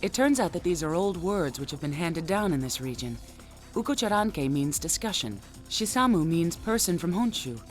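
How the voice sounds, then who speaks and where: A woman with a lowish, naturally lively voice speaks at normal speed over soft background music. For an English dub of a video game cutscene, she plays a composed, decisive special-ops field leader, sounding assured and probing.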